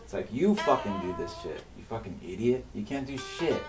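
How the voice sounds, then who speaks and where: Heard over music, this streamer's fairly low voice has lively intonation and a moderate pace as he angrily swears his way through an unscripted livestream monologue, often abandoning sentences and starting again. His mic sits at a distance in an echoey room with faint noise.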